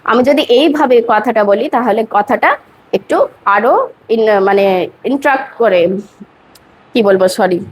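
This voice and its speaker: A woman teaching a spoken English lesson, explaining patiently, repeating example sentences slowly and often checking that her students have understood. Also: a little high, husky.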